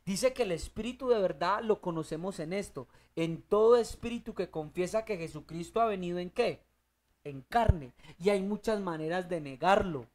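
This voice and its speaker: A Bible teacher leading a study group, emphatic, putting questions to the audience and answering them, with loud rising bursts. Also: medium pitch, normal speed.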